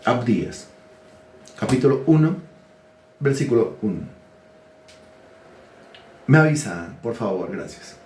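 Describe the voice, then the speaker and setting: A man's voice: mid-range voice, lively intonation, slow pace, pauses often, darkish tone, echoey room, slight background noise. A man preaching a teaching sermon, asking his listeners questions and telling them what to write down. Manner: asks the congregation questions and dictates words to write. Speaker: pastor.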